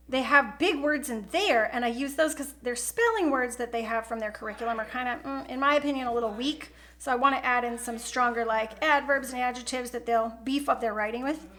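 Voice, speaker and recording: Bright high-voiced woman chatting at home. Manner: chatty and rambling, laughs often. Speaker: host of a live painting stream. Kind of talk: casual chat while painting.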